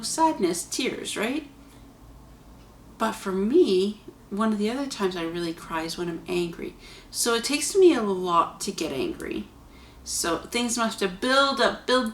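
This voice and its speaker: A woman's voice: mid-range voice, gravelly, echoey room, a little hiss or hum. A woman hosting her own vlog, talking casually and earnestly to her viewers with chatty asides. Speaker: vlog host. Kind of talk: casual spoken reflection to camera.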